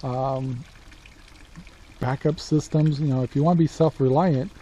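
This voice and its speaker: A man's voice: mid-range voice, fairly even intonation, unhurried, warm tone. A man in his sixties chatting casually outdoors in a rural yard for his homesteading vlog, plainspoken, with many filler words. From Central Oregon, USA. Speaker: homesteading vlogger. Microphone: handheld camera at arm's length. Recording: dull lo-fi sound with faint outdoor noise.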